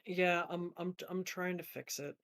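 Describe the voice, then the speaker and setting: A woman talking slowly over a voice call while her voice echoes back from a second device. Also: lowish voice, steady tone, a bit bright, clean studio sound. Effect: voice echoing from a second device. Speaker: tabletop game player. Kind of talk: casual online game chat. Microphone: voice call microphone. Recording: dull lo-fi call audio with echo.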